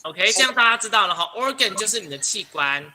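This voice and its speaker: A man teaching an online English class, patiently drilling pronunciation and ending phrases with a soft "ha". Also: sits high, animated, fast, poor audio. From Taiwan. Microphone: computer mic on a video call. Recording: video call with students' crowd chatter. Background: students' voices on open mics.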